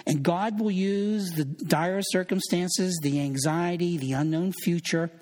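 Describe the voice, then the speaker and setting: A man's voice: sits high, unhurried, a little mellow. Preaching man in a reverberant space. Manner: earnest preaching, reads scripture aloud with quoted voices. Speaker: pastor. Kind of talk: sermon.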